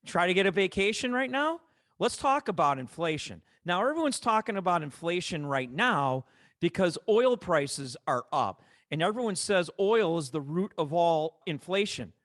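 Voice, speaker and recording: A man with a Chicago accent hosting a podcast, talking in an animated, opinionated way as he rants about markets. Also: high-pitched, normal speed, no room sound, clean studio sound. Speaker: podcast host. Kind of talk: casual podcast discussion.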